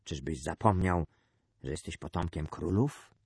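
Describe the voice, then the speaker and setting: A man's voice: fairly low pitch, lively intonation, moderate pace, breathy edge, no echo. A man voicing a proud, captive middle-aged prince and father who speaks with dignified restraint. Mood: calm grave. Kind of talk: audiobook character reading.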